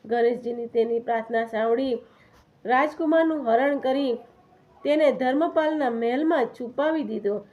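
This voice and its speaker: Woman with a highish voice reading a devotional story, steady and even. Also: normal speed.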